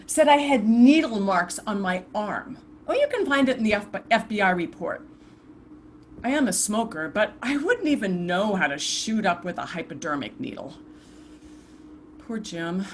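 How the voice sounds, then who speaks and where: The restless, defiant ghost of a slain civil rights volunteer, played by a woman in a stage monologue. She speaks slowly and haltingly, sighing between broken phrases. A faint hiss sits under her voice on a video call mic. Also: medium pitch, lightly acted. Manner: halting, reflective, with sighs and trailing restarts. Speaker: stage actor performing a monologue. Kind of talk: theatrical monologue. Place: indoors at home, performing over a video call. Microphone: video call computer mic.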